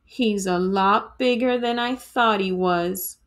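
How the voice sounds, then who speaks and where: A woman with a mid-range voice takes her time reading a children's storybook aloud. Her delivery is expressive and theatrical, like a teacher addressing pupils.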